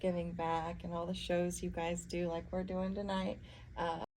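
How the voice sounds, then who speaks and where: A woman's voice: on the low side, level tone, normal speed, darkish tone, rough recording. A woman interviewing casually in a chatty, agreeable way, with loose, conversational questions. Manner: chatty, agreeable, peppers questions with "like" and "you know". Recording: clear background noise, room ambience.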